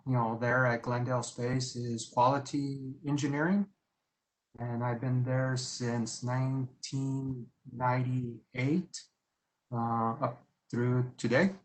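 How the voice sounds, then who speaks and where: Slow, halting middle-aged man. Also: mid-range voice, fairly bright tone, low-quality recording. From El Paso, Texas, USA. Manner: halting, frequent "uh". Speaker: engineer panelist. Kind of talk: casual self-introduction. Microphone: video call.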